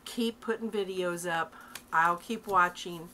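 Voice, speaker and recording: This is a middle-aged woman with a slightly low voice, chatting through a home craft video. She sounds eager and laughs easily. A faint hiss of room noise sits under her voice from the camera mic. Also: a little slow, sharp tone. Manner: chatty and enthusiastic, laughing often. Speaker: craft vlogger. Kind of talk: casual show-and-tell vlog.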